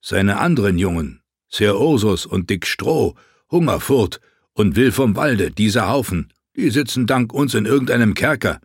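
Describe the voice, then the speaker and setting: A man voicing a big, crude male warrior in an audiobook, gruff and offhand. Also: fairly low pitch, animated, normal speed, dry recording, clean studio sound. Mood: gruff, mocking. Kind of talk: audiobook character voice.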